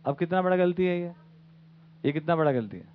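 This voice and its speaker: A man's voice: on the high side, expressive, brisk. A man giving an informal talk as the teacher of a study camp, often asking his audience rhetorical questions. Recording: phone-like lo-fi recording.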